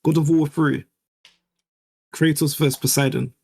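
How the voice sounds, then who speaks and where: A man's voice: fairly high pitch, level tone, normal speed, gravelly, a little mellow. A young man co-hosting a podcast in casual chat, laughing often and acting out scenes as he retells them. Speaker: podcast co-host.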